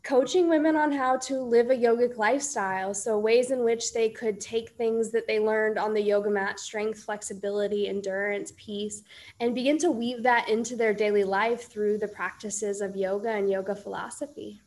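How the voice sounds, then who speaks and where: A woman in her thirties from Iowa, a yoga teacher and coach, answering interview questions in a calm, measured way. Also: medium pitch. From Iowa, United States.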